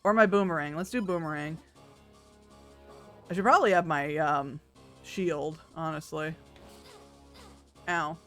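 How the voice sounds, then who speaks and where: A woman's voice: sits low, unhurried, pauses often, fairly bright tone. A woman giving casual, chatty video game commentary as a streamer, playful and wry, with some swearing. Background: music.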